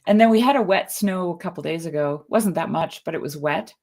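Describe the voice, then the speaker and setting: In a lowish, darkish voice at a fairly quick pace, a woman from Canada co-hosts a podcast, chatting casually through a meandering personal anecdote. She laughs a lot and frequently starts her sentences over.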